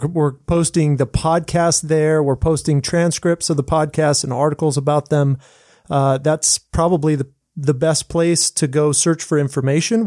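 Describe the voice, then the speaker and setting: A man's voice: a little high, a little mellow, no echo, studio quality. A man co-hosting a podcast, giving information in a slightly hesitant way. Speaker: podcast co-host. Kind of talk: casual podcast conversation.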